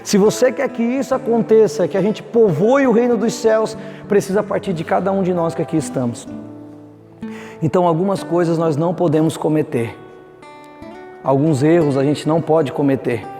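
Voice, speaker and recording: A man's voice: high voice, normal speed. A man from Brazil preaching to cell group leaders, fervent and full of restarts, acting out the objections of his listeners. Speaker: pastor. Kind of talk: teaching sermon to cell leaders. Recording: echoey room with long reverb, soft guitar behind.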